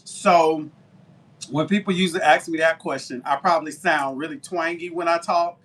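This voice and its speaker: Bright-voiced Southern man chatting live. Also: on the high side, fairly even intonation, moderate pace. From Alabama, US. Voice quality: talkative, warm down-home manner. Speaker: baker and live-stream seller. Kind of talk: casual chat with live viewers.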